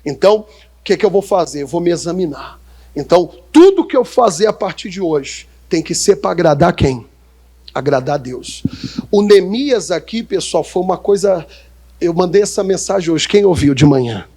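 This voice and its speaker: High-voiced Brazilian pastor preaching. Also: male voice, expressive, normal speed. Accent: Brazilian Portuguese. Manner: call-and-response, questioning the congregation; acts out quoted voices with sharp pitch jumps. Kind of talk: sermon. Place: church.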